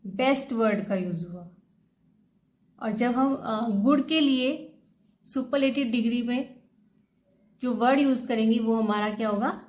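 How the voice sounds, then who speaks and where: A woman teacher explains a grammar lesson in a fairly high voice. She speaks slowly and reads each example carefully before translating it. She keeps asking simple questions and then answers them herself. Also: darkish tone, low-quality recording. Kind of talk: bilingual classroom explanation.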